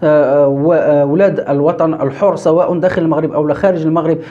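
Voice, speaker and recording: A man with a Moroccan Arabic accent giving casual political commentary as a channel host, animated, with frequent fillers and self-corrections. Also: fairly high pitch, fast talker, narrow, tinny audio. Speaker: YouTube news commentator.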